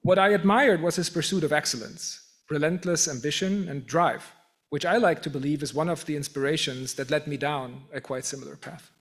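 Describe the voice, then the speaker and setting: A man with a German accent reads a prepared acceptance speech at a measured pace, dry and self-deprecating. His voice sits a little high for a man, and he sometimes restarts a phrase. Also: a bit bright. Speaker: professor giving an acceptance speech. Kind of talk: formal prepared speech with humor.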